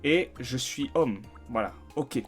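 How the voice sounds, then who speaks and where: A man's voice: medium pitch, expressive, slow pace, faint music behind. A young man streaming a game, chatting casually in slang and swearing freely. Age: young adult. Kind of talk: casual let's-play commentary.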